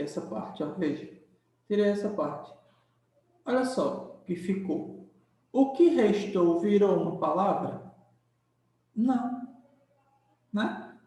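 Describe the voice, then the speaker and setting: A man's voice: sits high, darkish tone. A man teaching a grammar lesson, explaining patiently and checking in with the class after every point. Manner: drawn-out explaining, frequent "tá?" check-ins. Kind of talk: classroom lecture. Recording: very echoey room, mic far off.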